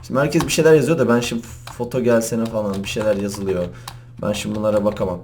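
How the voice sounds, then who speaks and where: A young man doing casual gaming commentary, excitable, often laughing and shouting as he plays. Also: lowish voice, quick pace, a little hiss or hum. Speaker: gaming YouTuber. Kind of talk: casual Minecraft parkour commentary.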